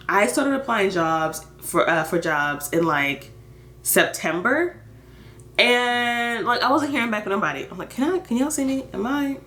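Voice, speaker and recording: A thirty-year-old American woman catches up casually in a personal vlog, telling her story candidly with emphatic, conversational phrasing. Her fairly low voice sounds pushed and bright, with slight background noise.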